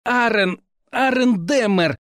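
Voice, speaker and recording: A man voicing an arrogant young male dark-mage student who yells and howls when pinned down. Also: very high-pitched, sing-song, slow pace, dry recording, studio quality, pitched above the performer's own voice, full character voice. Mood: pained, giving in. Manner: yelling, howling in pain.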